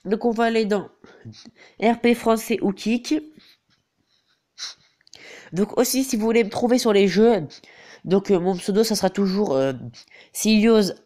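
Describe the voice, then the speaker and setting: Speaking high but a little slowly, with long pauses and a darkish tone, a teenage boy with a cold talks through a game tutorial on screen. This gaming YouTuber is hesitant and filler-heavy, repeatedly saying "donc voilà".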